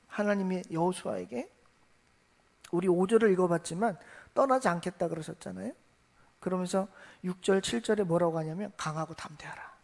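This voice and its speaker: A pastor giving a Sunday morning sermon in a church, repeating phrases and asking the congregation rhetorical questions. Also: medium pitch. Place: church sanctuary.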